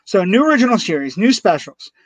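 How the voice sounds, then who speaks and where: A middle-aged man hosting a talk show, telling stories in an animated, emphatic way. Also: sits high, fast talker, no echo, lo-fi sound. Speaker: radio show host. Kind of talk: casual talk show banter.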